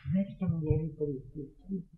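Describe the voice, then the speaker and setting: A man's voice: on the high side, fast talker, narrow, tinny audio, noisy background, natural voice. A man playing a naive, flustered country fellow who keeps exclaiming in confusion. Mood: bewildered. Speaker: comic lead.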